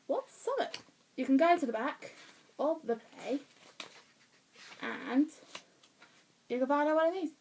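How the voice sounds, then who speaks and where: Woman, slightly high voice, rambling home vlog chat full of ums and restarts. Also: a little mellow, poor audio. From Essex, England. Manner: rambling, many fillers and restarts, laughs at herself. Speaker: vlogger reviewing a play. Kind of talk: casual chatty review. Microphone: phone or webcam.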